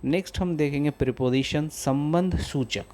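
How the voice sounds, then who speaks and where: A man's voice: fairly high pitch, normal speed, dark tone. A man teaching English grammar in a lesson, patiently reading out English definitions and explaining each one in Hindi.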